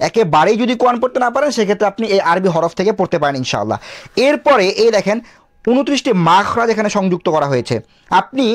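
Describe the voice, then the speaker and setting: A man presenting a product, explaining each feature step by step while pointing at the page and slowly sounding out recitation examples. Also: sits high. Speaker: bookshop presenter. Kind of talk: product demonstration.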